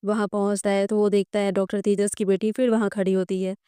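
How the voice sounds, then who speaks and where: A woman's voice: medium pitch, flat delivery, fast, warm tone, clear, resonant tone, no echo. A woman narrating a story recap, reading every character's lines in close to her own voice.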